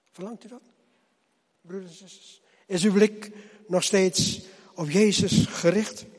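A man preaches slowly to his congregation in a husky voice, swelling loud then sinking low as he repeatedly calls them to come. The church hall gives the recording a long reverb.

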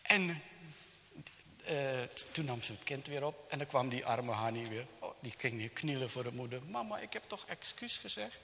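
A man slowly retelling a miracle story to a congregation, halting with restarts and vivid sound effects. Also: medium pitch, fairly even intonation, sharp tone. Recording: long hall reverb, faint background noise.

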